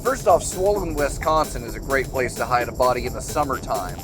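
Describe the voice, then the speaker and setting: A man playing an excitable doctor who hosts a goofy road-trip show, with a hammy showman's delivery. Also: mid-range voice, a little fast, over music, natural voice. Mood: playful showman. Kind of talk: comedic show hosting and banter.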